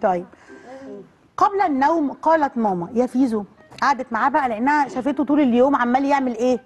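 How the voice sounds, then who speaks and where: Woman, Egyptian accent, high voice, children's TV host, animated storytelling, coaxing questions, faint music behind. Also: quick pace. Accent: Egyptian Arabic. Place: TV studio.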